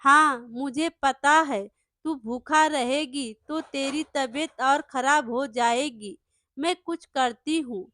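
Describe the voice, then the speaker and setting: A woman's voice: high-pitched, slow pace, sharp tone, no echo, studio quality, heavily acted. A woman voicing a caring young elder sister who reassures and pleads, in a storybook reading.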